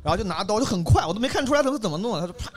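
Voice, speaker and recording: With a voice that sits high and moves very fast, a young stand-up comic from Henan recounts a story over a casual conversation, animated and chuckling all the way through.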